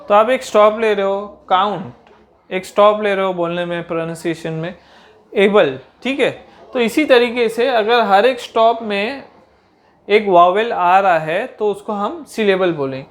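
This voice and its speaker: Teacher quizzing her class. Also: mid-range voice. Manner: asks rhetorical questions and answers them; slows down for English definitions. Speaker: English grammar teacher. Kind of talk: grammar lesson.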